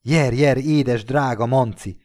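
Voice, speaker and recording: A man's voice: medium pitch, expressive, a little mellow, close to an everyday voice. A man reading an audiobook, voicing a doting aging woman who pleads with her young lover. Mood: adoring. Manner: pleading, breathless devotion.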